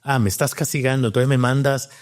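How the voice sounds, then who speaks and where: A man's voice: mid-range voice, steady tone, brisk. A man from Cuba, a doctor and scientist, telling his story in a casual interview, thoughtful and full of restarts. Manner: reflective, with many fillers and restarts.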